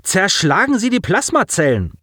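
A man's voice: high voice, huge pitch swings, normal speed, a bit bright, slightly rough, no room sound, studio quality, voice pushed up, full character voice. A man voicing a ruthless female starship commander who barks curt orders in an audiobook. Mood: commanding.

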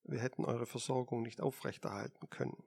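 A man voicing a calm, unyielding machine intelligence. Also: medium pitch, creaky. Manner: measured, quietly firm. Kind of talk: audiobook character reading.

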